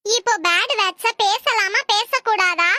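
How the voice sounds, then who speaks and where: A squeaky, exasperated cartoon schoolteacher lady. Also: a little slow, sharp tone, exaggerated voice. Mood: scolding. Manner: scolding, exasperated. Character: exasperated female schoolteacher, scolding. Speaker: teacher. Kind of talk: comedy cartoon dialogue.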